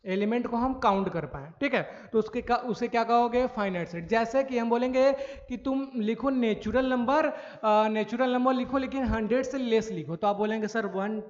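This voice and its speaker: A man gives a recorded maths lecture in a high voice, walking through each step and answering his own questions. He keeps checking that the class follows. The audio is dull and lo-fi, with a long echo from the room. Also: normal speed, hardly any pauses. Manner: frequent checks for understanding. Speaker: maths teacher.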